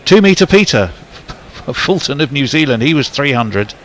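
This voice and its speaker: A man's voice: mid-range voice, big pitch swings, measured pace, fairly bright tone, a little hiss or hum. A man doing casual ball-by-ball cricket commentary, rambling with fillers and restarts.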